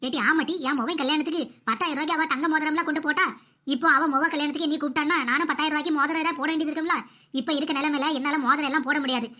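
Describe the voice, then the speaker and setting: A woman's voice: high-pitched, fairly even intonation, racing, bright, forceful tone. A woman voicing a stingy older neighbour who worries about money, in a cartoon comedy. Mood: scheming.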